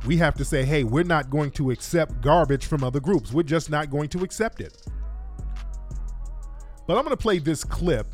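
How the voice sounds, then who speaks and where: A man with a voice on the high side hosts a talk show, offering opinionated live commentary in an emphatic, colloquial style and repeating points for emphasis.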